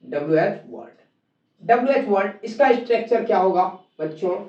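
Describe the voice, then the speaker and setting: A man's voice: high-pitched, expressive, moderate pace, mellow. A man teaching English grammar at a classroom board, spelling words out letter by letter and calling his students children. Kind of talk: classroom lesson on a whiteboard. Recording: distant, roomy and dull-sounding classroom recording.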